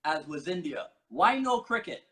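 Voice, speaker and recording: A man from Barbados with a notably high-pitched voice hosts the conversation. He is playful and teasing, reading notes aloud and poking fun at his guest. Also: sing-song, normal speed, sharp tone, rough recording. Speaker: podcast host. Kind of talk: casual interview questioning.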